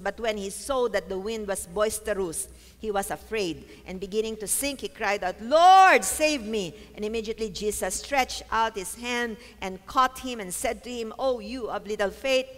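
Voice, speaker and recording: A woman's voice: medium pitch, fairly bright tone. A woman pastor with a Filipino accent preaching a sermon, switching between English and Tagalog with emphatic delivery. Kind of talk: sermon with scripture reading. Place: church service. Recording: long reverb in a large hall.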